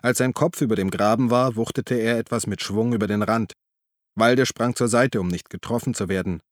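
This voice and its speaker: A man reading a crime novel aloud as narrator, in a calm, even storytelling manner. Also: lowish voice, moderate pace, no echo, clean studio sound. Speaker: audiobook narrator. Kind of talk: scripted narration.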